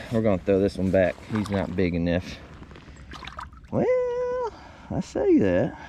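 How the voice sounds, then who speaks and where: A man's voice: low voice, noisy background. A man giving casual, folksy fishing commentary for his vlog, recorded outdoors in a kayak on a river.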